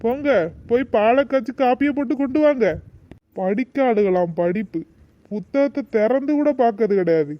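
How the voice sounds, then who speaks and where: A woman voicing a sharp-tongued village woman in a cartoon, speaking. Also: on the high side, normal speed, no room sound, lo-fi sound, lightly acted. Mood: scolding. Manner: scolding, blunt. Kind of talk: cartoon voice acting.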